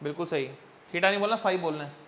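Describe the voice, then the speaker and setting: A man teaching a physics class, quizzing his students constantly in a coaxing, brisk way. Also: a little high, a bit bright. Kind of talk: classroom lecture.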